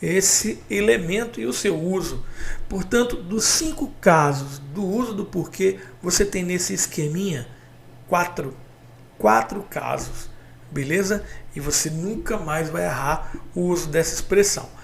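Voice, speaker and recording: A man's voice: high voice, a little slow, creaky, slight background noise. A man with a Brazilian Portuguese accent teaching a grammar lesson on video, chatty and direct, calling out to viewers and pointing at examples. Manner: chatty, calls viewers "galera", points things out with "ó".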